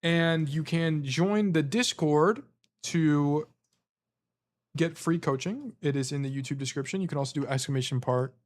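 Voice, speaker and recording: Slightly high and a little mellow, this man coaches as a streamer, reviewing gameplay loosely and ramblingly with filler-heavy explanations, all while his voice is giving out.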